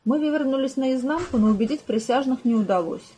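A woman's voice: high-pitched, brisk, mellow, a little hiss or hum, pitched above the performer's own voice, lightly acted. A woman reading an audiobook, voicing a weary middle-aged male detective who answers in a patient, dry way. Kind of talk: audiobook character voice.

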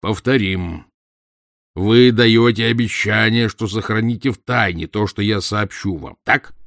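A man's voice: fairly low pitch, a little slow, a bit bright, no echo, clean studio sound. Man reading a haughty old professor. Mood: pompous. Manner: haughty, lecturing, condescending. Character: pompous arrogant older male professor. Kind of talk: audiobook reading.

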